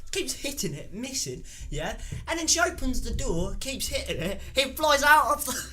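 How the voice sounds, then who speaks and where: Young guy spinning a school story, pitch bouncing all over, bright voice, keeps cracking up. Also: normal speed. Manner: animated, laughing through his story. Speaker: podcast co-host. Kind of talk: casual storytelling chat.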